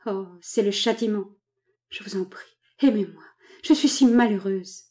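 A fearful, passionate young courtesan pleads in a raised, trembling-high voice, as a woman reading a novel aloud puts her on. The tone underneath stays mellow and soft-edged, in the manner of an audiobook. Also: normal speed, lightly acted. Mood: pleading, frightened. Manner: pleading, emotional delivery.

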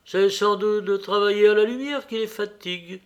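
A man's voice: high-pitched, normal speed, pitched above the performer's own voice, close to an everyday voice. A man voicing a tender, careworn mother. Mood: weary tender. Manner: soft, tender, steadying herself. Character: worried gentle mother of a poor family. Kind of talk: audiobook character reading.

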